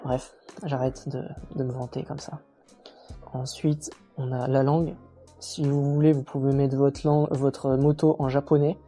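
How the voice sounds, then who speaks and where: Mellow-voiced man chatting casually. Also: medium pitch, measured pace, soft background music. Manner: relaxed, chatty, many fillers and self-mocking jokes. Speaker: motorcycle reviewer. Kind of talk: casual product walkthrough.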